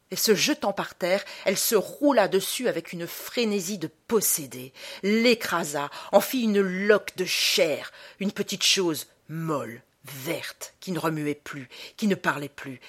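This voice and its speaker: A woman reading a short story aloud in a measured, dramatic manner. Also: lowish voice. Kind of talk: scripted narration of a short story.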